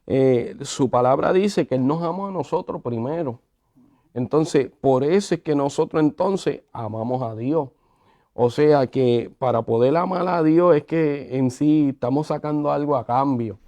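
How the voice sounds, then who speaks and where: A man telling his conversion story in a conversational, animated way, acting out the quotes. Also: a little high, a little slow. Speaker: guest sharing his testimony. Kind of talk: conversational testimony.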